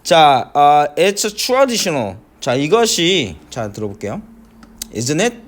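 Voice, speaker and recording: A middle-aged man lectures on English listening and pronunciation. His voice sits a little high and rises and falls a lot. He repeats himself, uses many fillers and keeps asking whether the class follows. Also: big pitch swings, slow. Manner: repetitive, with many fillers and checks like "got it?".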